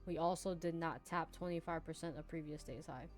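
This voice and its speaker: A woman's voice: low-pitched, brisk, faint music behind. A woman streaming live trading practice, chatting casually with viewers, laughing and answering chat between chart notes. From United States (Hawaii and Virginia). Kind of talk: casual live backtesting commentary.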